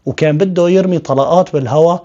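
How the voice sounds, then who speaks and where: Syrian man telling a story, mellow tone. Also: on the high side, quick pace. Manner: addresses listeners directly, colloquial. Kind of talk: storytelling narration. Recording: slightly dull lo-fi sound.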